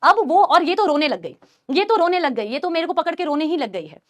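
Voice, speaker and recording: Woman teacher telling students a story, high voice, super animated, acts everything out. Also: fairly quick. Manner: animated, acts out scenes and shrieks. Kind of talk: storytelling to students in a live class.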